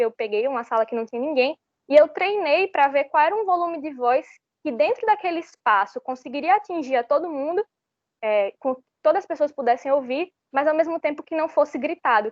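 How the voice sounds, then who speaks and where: A woman's voice: high voice, no room sound. A young woman from Brazil giving an online public speaking lesson, explaining step by step and often restarting her phrases. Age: young adult. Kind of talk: online workshop lecture. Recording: slightly muffled, dull sound.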